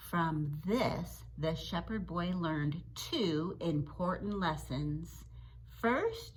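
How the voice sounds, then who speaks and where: A woman teacher reading a children's story aloud in an animated, sing-song storytelling manner. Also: lowish voice, a little hiss or hum, low-quality recording.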